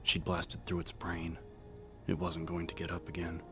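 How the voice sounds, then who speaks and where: A man with a very low voice narrates a horror story as an audiobook narrator, in a dramatic scripted style. His delivery is measured and suspenseful, with extremely flat pitch, over a faint bed of music.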